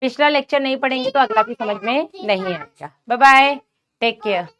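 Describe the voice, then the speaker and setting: A woman's voice: fairly high pitch, animated, a little fast, a bit bright, highs cut off. Female biology tutor, online prep class; patient, explanatory, affectionate with students, drops English terms in. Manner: mixes English terms into speech. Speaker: biology teacher. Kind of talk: online exam-prep lecture.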